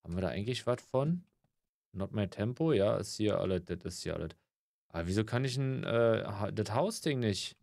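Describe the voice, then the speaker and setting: A man's voice: fairly low pitch, expressive, normal speed, gravelly, a little mellow, no room sound, studio quality. A man giving casual gameplay commentary, grumbling and swearing, with mock-polite greetings to customers. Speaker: gaming let's player.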